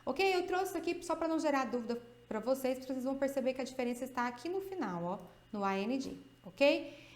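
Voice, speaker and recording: A woman's voice: high-pitched, lively intonation, brisk. Brazilian woman teaching in an echoey room. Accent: Brazilian Portuguese. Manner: explains step by step, often checking with "né?" and "ok?". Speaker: English teacher. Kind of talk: video grammar lesson.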